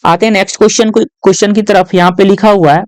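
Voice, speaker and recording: A man tutoring students through exam questions in a patient, step-by-step way, often adding short tag questions and reading English lines aloud slowly. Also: sits high, steady tone, no echo, low-quality recording. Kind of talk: exam-prep lesson walkthrough.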